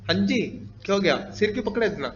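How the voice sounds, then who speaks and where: A man's voice: high voice, animated, quick pace, a little hiss or hum. A man teaching a live class, quizzing and teasing his students as he explains. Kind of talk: classroom lecture. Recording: echoey classroom, dull lo-fi audio.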